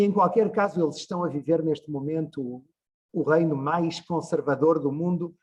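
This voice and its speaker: A man's voice: fairly high pitch, warm tone, slightly rough, muffled recording. A man, giving an online lecture as a journalist, talking discursively with frequent hesitations over a video call. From Portugal.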